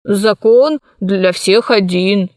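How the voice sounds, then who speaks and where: A woman voicing a forgetful, drowsy old man in an audiobook, speaking slowly and vaguely. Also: medium pitch, darkish tone, no room sound, studio quality. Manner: slow, mumbling, vague. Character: sleepy doddering old man, forgetful sage. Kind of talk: audiobook character voice.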